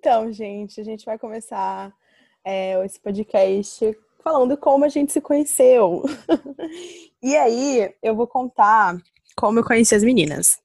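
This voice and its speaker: A woman's voice: on the high side, unhurried, vocal fry, a little mellow, no echo. A Brazilian woman in her twenties from Bahia, chatting casually and telling stories in a giggly way. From Bahia and Rio de Janeiro state, Brazil. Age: 20s. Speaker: podcast co-host. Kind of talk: casual chat, storytelling.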